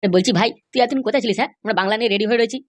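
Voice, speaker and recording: A woman's voice: on the high side, racing, no echo, lightly acted. A woman voicing a nosy young cartoon buddy. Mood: prying. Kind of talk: cartoon voice acting.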